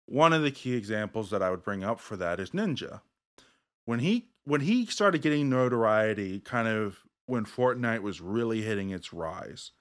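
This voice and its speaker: A man hosting a casual podcast chat, acting out gamers' quotes in a lively way. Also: normal speed. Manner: animated, acts out gamers' quotes in a higher voice. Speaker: podcast host. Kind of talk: casual chat over beers.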